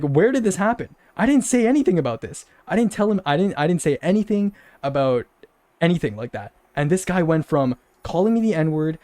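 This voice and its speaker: A young man tells a rambling story in the casual, repetitive way of a streamer, stumbling over his words and laughing in disbelief. His voice sits a bit high for a man. The sound is dry and close, with no room echo. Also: dark tone. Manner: rambling, repeats himself, incredulous laughs.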